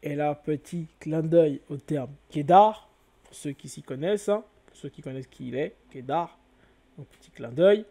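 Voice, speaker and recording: A man's voice: a little high, moderate pace, warm tone. A man giving an explanatory lecture to viewers, spelling out letters one by one and often correcting himself. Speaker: lecturer on word origins.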